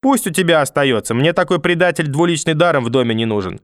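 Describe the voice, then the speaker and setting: A shrill, hysterical old grandmother, put on by a man reading an audiobook, wailing and pleading one breath and spitting curses the next. Her voice sits a little high and bone-dry, close to the mic with no room around it. She is manipulative and bitter. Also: expressive, fast talker, no room sound, lightly acted. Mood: moaning cursing. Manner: wailing, pleading then cursing through a door.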